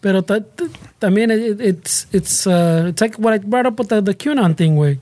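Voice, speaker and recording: A Mexican American man talks casually in a podcast setting. He keeps switching between English and Spanish slang, with swearing and repeated words. His tone is dark and mellow, captured with very little room sound. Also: sits high, moderate pace, no echo.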